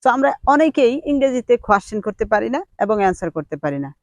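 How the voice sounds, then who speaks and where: A man's voice: sits high, very animated, fast talker, dry recording, poor audio. A Bangladeshi man teaching an English lesson on his YouTube channel. He switches between Bengali and English and drills short questions and answers with energy. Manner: moves his body while speaking.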